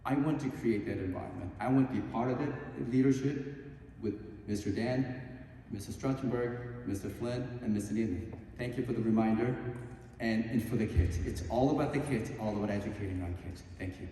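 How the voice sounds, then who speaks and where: A man answering at a candidate forum, earnest and halting with many ums and restarts. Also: fairly low pitch, dark tone. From Korea. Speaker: school board candidate. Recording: echoey hall, distant mic, faint hum.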